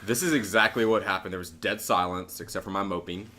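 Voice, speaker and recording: Laid-back man with a lowish voice. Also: fast, pushed and bright. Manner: laid-back storytelling, crude language. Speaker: podcast co-host. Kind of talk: casual chat.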